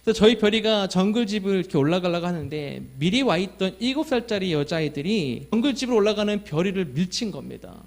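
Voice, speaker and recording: A man's voice: high voice, expressive, quick pace, creaky, hardly any pauses. A man as pastor, preaching a sermon with earnest rhetorical questions to the congregation and telling a story about his child. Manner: tells a family story and acts out his child's lines.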